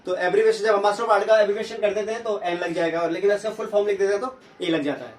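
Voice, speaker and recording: High-voiced male teacher in echoey room. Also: distant mic. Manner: asks questions and answers them himself, repeats sounds slowly. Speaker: English teacher. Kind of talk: classroom grammar lesson.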